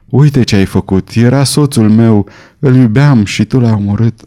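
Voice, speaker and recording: A man's voice: medium pitch, warm tone, natural voice. A man voicing a frightened young countess who cries out and pleads in sobs. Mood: desperate.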